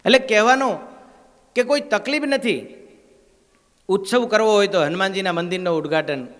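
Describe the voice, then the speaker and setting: A man's voice: sits high, moderate pace, fairly bright tone. A man giving a temple sermon as a swami, telling stories in a conversational way and asking the crowd questions. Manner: conversational storytelling, asks the crowd "હા?". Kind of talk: devotional sermon. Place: temple gathering. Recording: long hall reverb.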